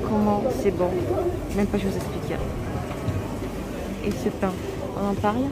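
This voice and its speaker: A middle-aged woman chatting relaxed as she walks through an outdoor market, filming her own vlog. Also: mid-range voice, normal speed. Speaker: cooking vlogger. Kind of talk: walking market vlog narration. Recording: loud outdoor market noise.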